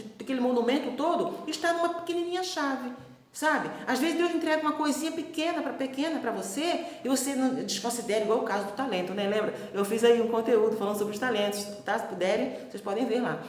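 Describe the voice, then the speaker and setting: A woman's voice: sits high, reverberant. A woman teaching the Bible in a chatty way, often checking that her listeners follow and acting out quoted voices. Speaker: preacher.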